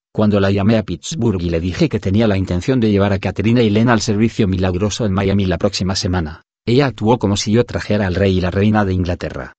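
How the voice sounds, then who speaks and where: A man narrating an audiobook in a steady, even reading voice that sometimes reads punctuation aloud. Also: on the low side, no room sound.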